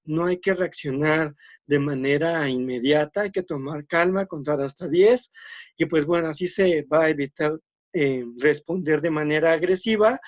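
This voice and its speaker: Male teacher, muffled online class. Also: a little high. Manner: explanatory, many "este" fillers, repeats words.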